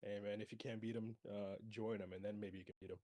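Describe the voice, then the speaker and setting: A man playing in a tabletop game, brash and excitable, swearing as he hypes up his character. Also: fairly low pitch, fast talker, no echo. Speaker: player.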